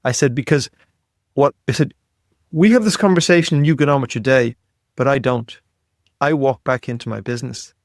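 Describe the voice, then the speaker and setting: A man's voice: medium pitch, moderate pace, long pauses, no room sound, clean studio sound. A middle-aged man hosting a podcast interview, telling a story earnestly, with many restarts. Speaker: podcast host. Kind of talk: conversational interview.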